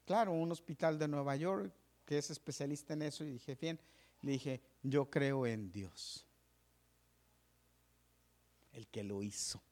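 A male pastor preaching a sermon, telling a story. He drops to hushed whispers and then rises to fervent, raised preaching. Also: on the high side, normal speed.

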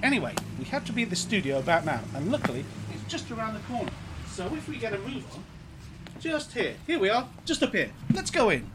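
A man's voice: high voice, very animated, fast, background noise. A man in a scripted comedy sketch, his bossy, self-satisfied voice fading in and out as though he keeps moving away from the microphone. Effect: voice fading in and out, as if moving away from the mic. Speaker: comic character in a sketch.

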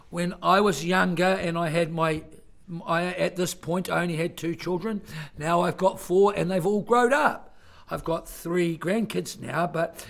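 An older man tells children a story from his own family. His worn-out voice is gravelly and sits a little high for a man. He talks plainly and earnestly, backing up to correct himself as he goes. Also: a bit bright. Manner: plain-spoken, earnest, rambling with self-corrections. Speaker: storyteller visiting a school class. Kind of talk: personal story told to children.

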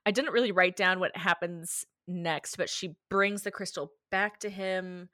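A woman's voice: on the low side, a little slow, dry recording, clean studio sound. A woman co-hosting a podcast, chatting casually and animatedly. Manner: animated, laughs easily. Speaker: podcast co-host. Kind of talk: casual chat recapping an anime.

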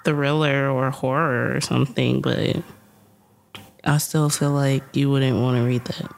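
A woman's voice: very deep voice, fairly even intonation, a little slow, gravelly, slight background noise. A young adult woman co-hosting a podcast in casual, teasing chat, laughing often. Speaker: podcast co-host.

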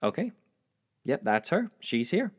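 A man's voice: medium pitch, big pitch swings, normal speed. Guy narrating his own story, tired and rambly, voice swings up and down a lot. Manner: weary, rambling, reflective. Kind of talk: first-person storytelling.

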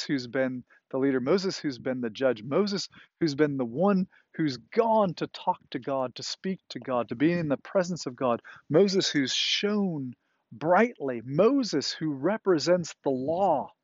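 A man's voice: on the high side, lively intonation, unhurried, no room sound, lo-fi sound. A man preaching a sermon in a conversational way, with fillers and emphatic repetition. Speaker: pastor.

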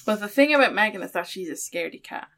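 A woman's voice: mid-range voice, expressive, fairly bright tone. A woman co-hosting a podcast, chatting casually and teasing her older sister. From Ireland. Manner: chatty, teasing, quick to laugh. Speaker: podcast co-host. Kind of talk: casual chat. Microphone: headphones, studio mic.

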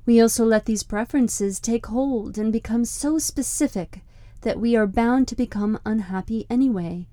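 A woman speaks as a reflective guide, with a fairly high but relaxed, warm-toned voice. Her delivery is scripted, deliberate and contemplative. The sound is very dry, with no room around the voice. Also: no echo. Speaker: podcast host and meditation guide.

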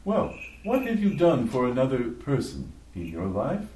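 A man voicing patient angels who gently question a soul at heaven's gate. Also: mid-range voice, huge pitch swings, moderate pace. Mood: gently probing. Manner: gently probing. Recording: echoey church from far off.

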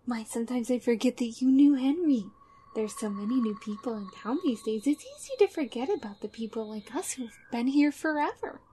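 A woman's voice: on the high side, expressive, brisk, dark tone, slight background noise, close to an everyday voice. A woman playing a cheerful, chatty small-town lady in a radio comedy drama, with chirpy, folksy politeness. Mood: friendly.

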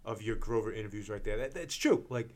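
A man with a New York accent co-hosting a casual chat, animated, laughing easily and swearing casually. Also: lowish voice, fast talker. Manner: does character voices. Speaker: podcast co-host.

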